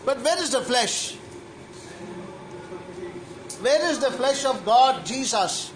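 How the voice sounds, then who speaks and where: A man's voice: very high voice, lively intonation, slight background noise, poor audio. A priest giving a homily to children, asking them question after question and repeating himself as he goes. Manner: slow, questioning, repeats questions to young listeners. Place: church.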